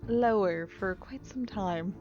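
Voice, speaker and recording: A woman's voice: medium pitch, slow, muffled recording, over music. A woman playing a tabletop game, chatting casually with the group. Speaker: player. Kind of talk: casual tabletop play chat.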